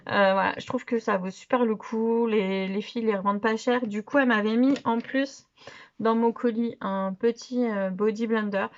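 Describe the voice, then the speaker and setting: A woman vlogger chatting casually about makeup she bought, hesitant with many fillers, trailing off softly as she handles products. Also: a little high, steady tone, moderate pace, lo-fi sound. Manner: handling products while talking, often trailing off quietly. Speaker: beauty vlogger. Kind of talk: casual haul video chat.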